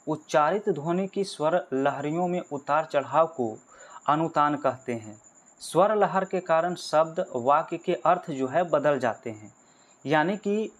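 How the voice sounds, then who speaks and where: Man, fairly high voice, exam-prep teacher, explains step by step, answers his own questions. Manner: addresses viewers as friends. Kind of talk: exam-prep grammar lesson.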